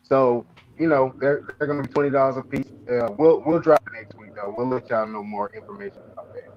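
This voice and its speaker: Laid-back guest, dull lo-fi sound. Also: male voice, medium pitch, fast talker. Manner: laid-back, hesitant with fillers. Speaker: guest co-host. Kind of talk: casual chat. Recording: dull lo-fi audio.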